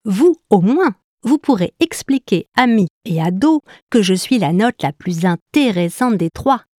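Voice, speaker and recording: A woman voicing the highest musical note in a storybook, a vain little female note who brags quickly. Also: lively intonation, a little mellow, no room sound, studio quality. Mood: boastful. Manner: bragging, quick.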